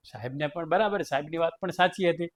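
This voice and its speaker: Male storyteller, humorous and chuckling, slightly raised pitch. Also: normal speed. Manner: chuckles between sentences.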